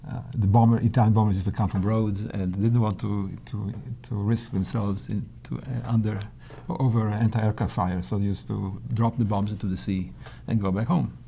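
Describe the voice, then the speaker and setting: Answering interview questions, an older man from Poland, a native Polish speaker, recalls his early years hesitantly, with many restarts. His lowish, creaky, mellow voice holds a level tone at normal speed with few pauses. Slight background noise is present.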